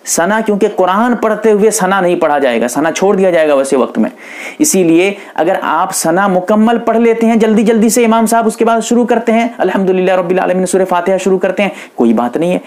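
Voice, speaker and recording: A man's voice: high-pitched, expressive, a little fast, a little mellow. A man with an Indian accent teaching how to pray behind an imam, explaining patiently and repeating key points. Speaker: Islamic scholar teaching prayer rules. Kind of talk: religious instruction lecture.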